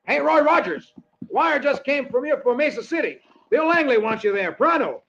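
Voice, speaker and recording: A man playing a camp worker calling out loudly across a western camp, on a vintage radio broadcast. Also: very high voice, expressive, moderate pace, vocal fry, over loud music, voice pushed up, heavily acted. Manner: loud calling out. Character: shouting male telegraph camp worker. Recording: dull lo-fi vintage radio recording.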